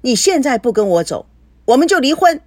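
A woman acts out a shrill, jealous young wife in an audio novel, shrieking insults and sneering at her rivals. Her voice leaps all over its range, recorded dry and close. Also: big pitch swings, fairly quick, darkish tone, dry recording. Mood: furious. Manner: shrieking, scornful.

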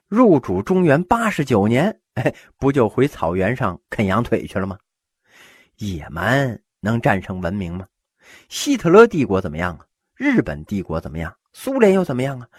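A male storyteller recounts history with humor, animated and acting out each character. His pitch swings dramatically and his voice is husky. The sound is dry and close. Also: no room sound.

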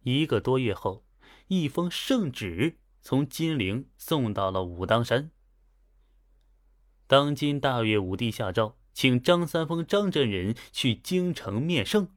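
A man's voice: medium pitch, slow pace. Guy reading a novel aloud, casual chatty storyteller. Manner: chatty, lively asides. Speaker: narrator. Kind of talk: audiobook storytelling.

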